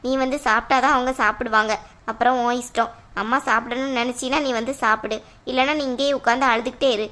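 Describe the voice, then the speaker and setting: A woman's voice: a little high, steady tone, fast talker, bright, forceful tone. Woman voicing an insistent caring cartoon sister. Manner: coaxing, insistent. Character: caring young woman Malar, the pleading sister. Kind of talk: cartoon voice acting.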